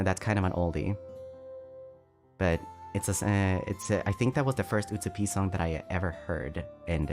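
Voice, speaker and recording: A man's voice: deep voice, a little mellow. A man streaming casually, reading donations aloud and answering chat, chatty and self-deprecating, often stumbling over his words. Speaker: VTuber streamer.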